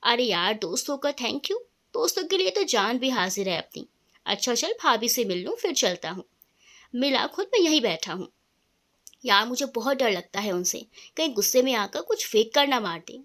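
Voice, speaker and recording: A woman voicing a joking, flattering young man who is nervous around his friend's wife, in a storybook reading. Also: fairly high pitch, moderate pace. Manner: jokey, flattering.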